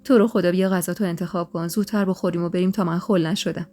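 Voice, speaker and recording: A woman's voice: on the low side, fairly even intonation, dark tone, lightly acted. A woman voicing a playful, jealous young husband in a spoken story, talking in a bantering, teasing way. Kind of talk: storytelling podcast. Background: faint music.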